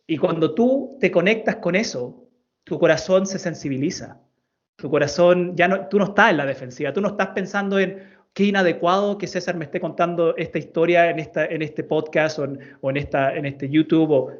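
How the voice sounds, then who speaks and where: Earnest man telling a personal story. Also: a little high. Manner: earnest, repeats words for emphasis. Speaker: guest, storytelling coach. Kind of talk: storytelling in an interview. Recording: dull lo-fi sound.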